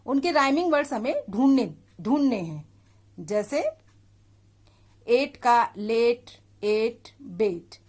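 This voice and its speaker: A woman teacher with an Indian English accent, patiently explaining an English poem and its words in a classroom lesson. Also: a little high. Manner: slow, patient explaining, switching between Hindi and English.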